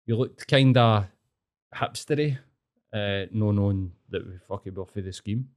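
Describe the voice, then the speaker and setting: A man's voice: lowish voice, a little slow, clear, resonant tone. A man with a broad Glasgow street accent, telling anecdotes in casual chat full of slang and heavy swearing. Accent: Glaswegian.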